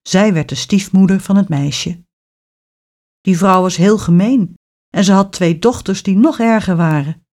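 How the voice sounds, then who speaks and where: A woman narrating a children's fairy tale in an expressive storytelling manner. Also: medium pitch, measured pace.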